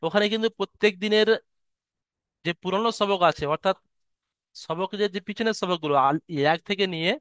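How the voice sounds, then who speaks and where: A man teaching an online lesson on Arabic letter pronunciation, patiently repeating each sound slowly. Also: sits high, fairly bright tone, clear, resonant tone, no room sound, studio quality. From West Bengal, India. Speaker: Quran recitation teacher. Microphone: video call.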